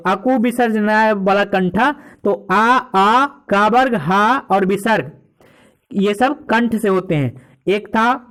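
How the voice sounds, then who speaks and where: A man's voice: high-pitched, a bit bright. A man teaching an exam-prep grammar lesson, explaining step by step with examples and checking in with the students.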